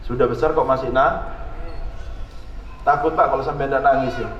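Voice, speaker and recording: A man's voice: medium pitch, fairly even intonation, normal speed, a little hiss or hum. A man with a Javanese-tinged Indonesian accent preaching a sermon, putting questions straight to the audience and asking for their agreement. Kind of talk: religious sermon. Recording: echoey hall, dull lo-fi sound.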